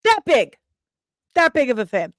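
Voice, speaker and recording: Casual and playful, the host of an entertainment news livestream answers her chat in a high, sing-song voice at normal speed. She's irreverent and talkative, sprinkling in pet names and slang. It's studio quality, with no room sound.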